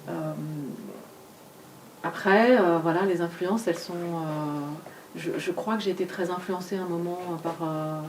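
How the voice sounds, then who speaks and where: A woman in her forties, raised in Argentina and France, speaking at a bookshop author talk, halting with many fillers and restarts. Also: fairly low pitch, fairly even intonation. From grew up in Argentina and France. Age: 40s. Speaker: comic artist guest at a bookshop talk. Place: bookshop event. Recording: distant mic, faint room noise.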